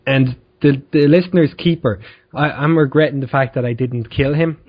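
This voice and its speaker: A man's voice: medium pitch, normal speed, muffled recording. Easygoing man chatting about games. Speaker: podcast co-host. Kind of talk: casual gaming chat.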